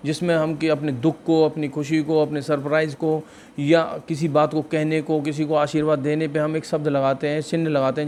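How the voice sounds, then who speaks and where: Hindi accent guy teaching english grammar, voice a bit high, slows way down on the english examples. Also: darkish tone, a little hiss or hum. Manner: explains step by step, slows right down for English example sentences. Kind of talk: spoken grammar lecture.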